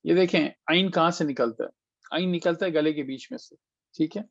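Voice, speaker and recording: A man's voice: on the high side, no room sound. A man teaching Quran recitation in an online lesson, patiently explaining step by step, demonstrating sounds and mixing in English phrases, over dull, dry call audio. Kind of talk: online tajweed lesson answering students.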